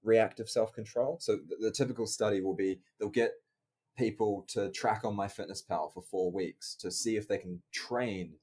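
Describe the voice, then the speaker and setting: A man explaining research as an interview guest, measured and careful in how he puts things. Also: on the low side, a little mellow, husky. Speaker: podcast guest, researcher and online coach.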